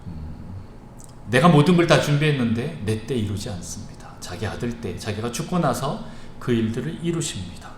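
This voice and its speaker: Man preaching in an echoey church. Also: mid-range voice. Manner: earnest and emphatic, with frequent pauses. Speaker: pastor. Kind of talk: sermon. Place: church sanctuary. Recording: echoey church hall with faint background hiss.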